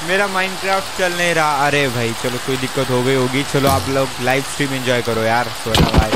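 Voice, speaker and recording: A young man talking casually on a live game stream, excitable, joking and pleading with the other players. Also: mid-range voice, moderate pace, heavy background noise. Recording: game music playing behind the voice.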